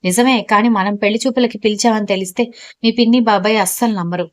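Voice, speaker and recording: A woman's voice: medium pitch, fast talker, close to an everyday voice. A woman playing a bossy mother-in-law. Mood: decisive.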